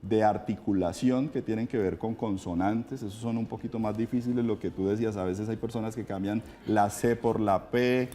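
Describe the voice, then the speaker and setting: A man with a low, mellow voice explains diction in a calm, measured, teacherly way. He talks in a morning TV studio. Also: a little hiss or hum. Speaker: voice coach guest on a morning show.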